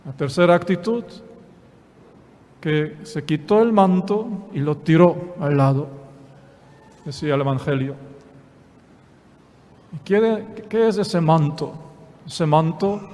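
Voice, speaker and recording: A man preaching a Sunday Mass homily as a priest, slow and repetitive, asking rhetorical questions. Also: a little high, a little mellow. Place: church. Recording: long church reverb.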